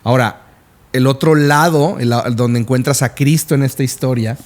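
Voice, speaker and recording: A man's voice: medium pitch, moderate pace, a little mellow. Man, podcast co-host, conversational Bible teaching, agreeable and explanatory. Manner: affirming, explains scripture in a conversational way. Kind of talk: casual Bible discussion.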